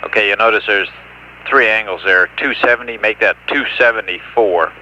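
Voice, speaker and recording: A man with an American accent speaks over a dull, lo-fi space radio link. His voice is fairly low and very sharp, and he gives procedural figures calmly, like a mission controller. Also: moderate pace. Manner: calm, matter-of-fact. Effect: radio transmission. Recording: dull lo-fi 1970s space radio, faint noise, hum. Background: faint hiss and hum.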